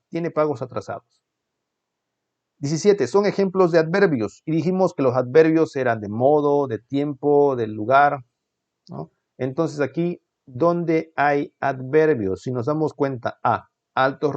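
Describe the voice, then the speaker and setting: A man's voice: mid-range voice, darkish tone, muffled recording. A male teacher, walking students through exam answers in a conversational way that keeps checking in with them.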